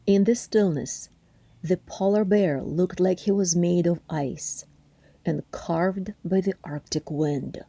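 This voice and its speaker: A storybook reader with a fairly low voice narrates a children's story expressively. She phrases things deliberately and lets her word endings fall hushed and breathy, and the recording is dry.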